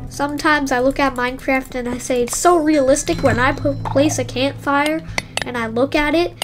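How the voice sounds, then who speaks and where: A young woman giving chatty, joking commentary while playing a video game, with quick asides to her teammate. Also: sits high, fairly even intonation, very noisy. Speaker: gaming YouTuber. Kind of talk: casual gameplay commentary. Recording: game music behind the voice.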